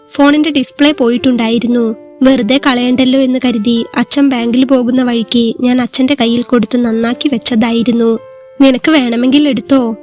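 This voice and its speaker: A woman's voice: a little high, darkish tone, natural voice. A woman reading the lines of a practical middle-aged mother in a story, talking in a chatty, motherly way.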